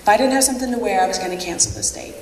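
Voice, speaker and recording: A woman's voice: mid-range voice, very fast, a little hiss or hum. Chatty woman speaking in an echoey hall. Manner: chatty, laughs often, acts out quotes. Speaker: convention speaker. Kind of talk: motivational speech. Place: large convention hall. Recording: echoey hall from a distant mic.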